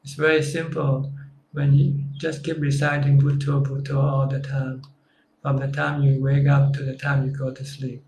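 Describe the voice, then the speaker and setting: A man, a Buddhist monk teacher answering questions in a live session in a calm, simple, plain-spoken way. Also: mid-range voice, a little hiss or hum. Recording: echoey room.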